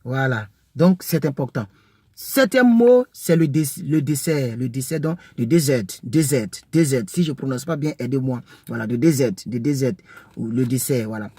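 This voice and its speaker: A man teaching English words to French speakers in a casual lesson, repeating each word slowly and chatting with many fillers. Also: mid-range voice, mellow, slightly rough, no echo, clean studio sound. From French-speaking country.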